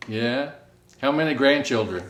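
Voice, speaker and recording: A man interviewing an elderly veteran, asking short questions in a gentle, patient way. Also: mid-range voice, expressive, moderate pace, echoey room.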